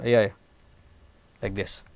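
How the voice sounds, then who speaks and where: A man's voice: slow pace, a little mellow. A man in his forties with an Indian English accent, giving a programming lecture step by step with many hesitant fillers. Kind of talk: classroom lecture. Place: studio set, indoors.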